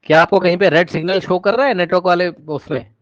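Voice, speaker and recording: A male teacher giving a live online class lecture, energetic, repeating words rapidly to prod his students and coaxing them with questions. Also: high-pitched, dry recording. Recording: dull, dry online-class audio.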